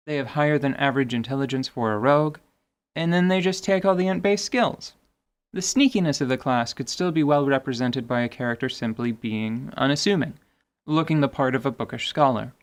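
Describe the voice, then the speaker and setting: A man whose voice runs slightly higher than average hosts a tabletop gaming podcast. His commentary feels partly scripted, delivered in articulate, wordy phrasing. Along the way he drops in wry, playful asides.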